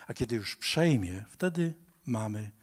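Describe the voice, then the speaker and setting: A man's voice: lowish voice, animated, measured pace, darkish tone, breathy edge. A man preaching a sermon, earnest and direct, rising to emphatic appeals to his listeners.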